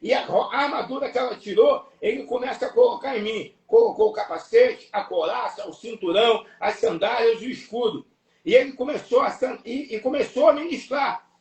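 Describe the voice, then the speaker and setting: A man with a Brazilian Portuguese accent preaching an impassioned sermon, emphatic and repetitive, breaking into shouts. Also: very high-pitched, a little fast. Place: church or live stream hall. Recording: echoey room, voice from far off.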